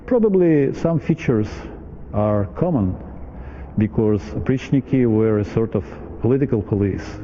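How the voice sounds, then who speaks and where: Dark, muffled Russian-accented man. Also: lowish voice, expressive, unhurried. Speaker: expert interviewee. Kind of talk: documentary interview commentary. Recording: muffled, faint background noise.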